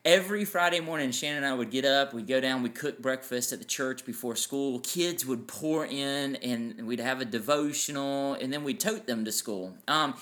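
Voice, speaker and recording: Bright-voiced man telling family stories. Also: medium pitch, moderate pace, few pauses. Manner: storytelling, sentimental, laughs easily. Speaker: podcast co-host. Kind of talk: casual family podcast chat.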